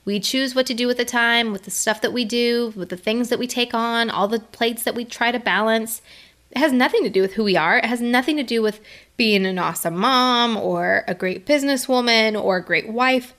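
A woman's voice: fairly high pitch, moderate pace, a bit bright. Earnest middle-aged woman giving a faith talk. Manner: earnest, conversational, laughs now and then. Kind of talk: faith-based motivational talk.

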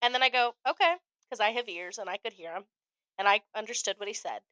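This is a young American woman co-hosting a podcast, speaking fast at a medium pitch, with no echo but a rough recording. In casual chat she tells a story, acting out quotes in an animated way with frequent cursing.

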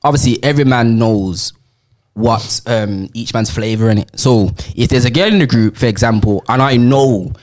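A young adult man with a London roadman accent hosts a casual group chat, talking in slangy urban street talk. His mid-range voice is a little mellow and moves at normal speed.

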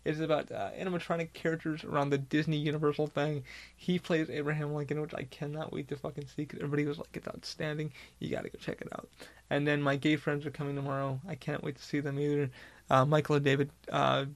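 A male podcast host talking alone in a loose, rambling way, swearing constantly. His voice sits a little high for a man, with a rough, gravelly fry running through it. He sounds like he is chatting off the cuff rather than reading. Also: little pitch movement, quick pace. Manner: rambling and heavily profane. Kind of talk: casual monologue.

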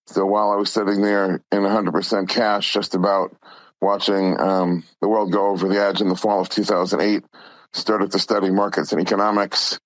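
Man, deep low voice, interview guest, conversational explaining, very dry recording. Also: no echo, low-quality recording. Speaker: interview guest, company founder and CEO.

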